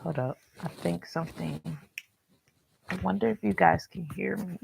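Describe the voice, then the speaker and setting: A woman's voice: fairly low pitch, normal speed, vocal fry, noisy background. A woman hosting a casual livestream Bible talk, speaking frankly and chattily, scolding listeners with humor and calling them y'all. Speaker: Bible study host.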